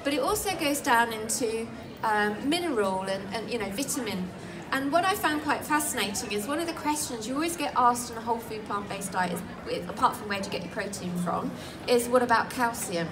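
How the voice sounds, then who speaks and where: An English woman and nutritionist giving a live cooking demonstration at an outdoor festival stall, chatty and explanatory with many ums and restarts. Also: on the high side. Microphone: filmed from the crowd by a far camera. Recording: distant voice through PA with outdoor noise.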